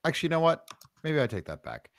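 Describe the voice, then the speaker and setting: A man's voice: a little high, huge pitch swings, fast talker. A man playing a tabletop roleplaying game, making wisecracks in casual chat. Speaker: player.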